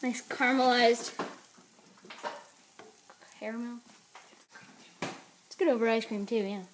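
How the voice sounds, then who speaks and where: High-voiced woman cooking, slow and playful. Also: fairly even intonation, a little hiss or hum. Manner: playful, muttering to herself while cooking. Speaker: home cook vlogger. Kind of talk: casual cooking demo. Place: home kitchen. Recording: echoey kitchen, sizzling pan.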